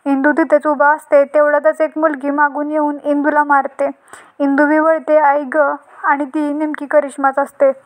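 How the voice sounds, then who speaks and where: A woman narrates a TV serial episode recap in a plain, steady reading voice. Her pitch is high and she keeps it level, with little rise and fall. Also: moderate pace, low-quality recording.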